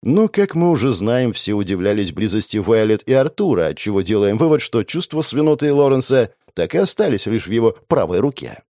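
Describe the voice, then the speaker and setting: A man's voice: fairly low pitch, very animated, brisk, few pauses, mellow, dry recording, clean studio sound. A man narrating an audiobook in the first person, with sardonic, crude asides.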